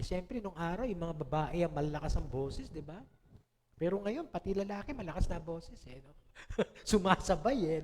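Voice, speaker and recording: A man's voice: high voice, darkish tone, in a large hall, slight background noise. A Filipino man preaching a sermon as pastor, chatty and joking, laughing often and checking in with the congregation. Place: church hall.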